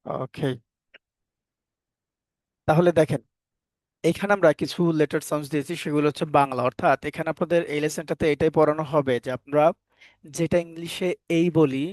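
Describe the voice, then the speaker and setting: A man leads a live online English class, teaching letter sounds. His voice sits a little high, and the sound is dry and close to the mic. He keeps quizzing the students and turns firm when they misbehave. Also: fairly even intonation, brisk, long pauses, dry recording. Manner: repeats questions to students, firm and scolding at times.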